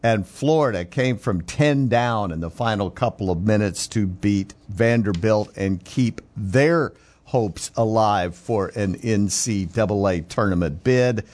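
A man's voice: fairly low pitch, unhurried, darkish tone. An American man hosting on radio, reading through a sports news update.

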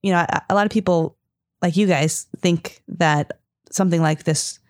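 A woman co-host in a casual chat, earnest, measured and reflective. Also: fairly low pitch, a little mellow, no echo, studio quality.

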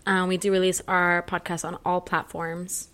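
A woman's voice: lowish voice, level tone, normal speed, fairly bright tone. A young adult woman co-hosting a podcast, telling a personal story in a rambling, casual way full of "like". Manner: rambling storyteller, filler-heavy, says "like" constantly. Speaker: podcast co-host. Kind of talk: casual chat.

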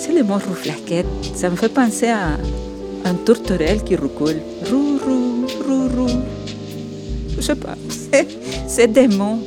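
Over loud music, a woman with a fairly high pitch tells personal stories from her past in a podcast interview. Spanish is her first language; she keeps a measured pace and sounds reflective, hesitating and laughing now and then.

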